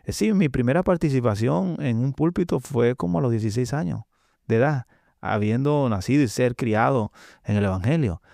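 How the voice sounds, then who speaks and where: A man recounts a personal testimony in an earnest, halting way, pausing on filler sounds. His voice is warm and dark at an ordinary pitch. It is recorded close and dry in a podcast studio. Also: expressive, vocal fry, dry recording. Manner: earnest storytelling with frequent hesitations. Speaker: guest preacher.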